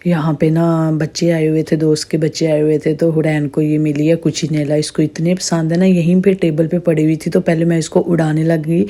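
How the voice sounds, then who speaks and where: A woman in her thirties with a sore, slightly hoarse throat, chatting through a casual vlog voice-over. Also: low-pitched, little pitch movement, normal speed, few pauses, mellow. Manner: chatty, rambling storytelling. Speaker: vlogger narrating her day.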